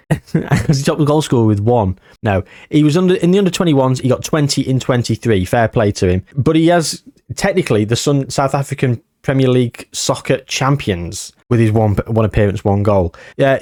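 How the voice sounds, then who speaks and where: A man's voice: dry recording, studio quality. Chatty man commenting on a game. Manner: chatty and self-mocking, with sudden excited jumps in pitch. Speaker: gaming YouTuber. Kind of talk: casual gameplay commentary.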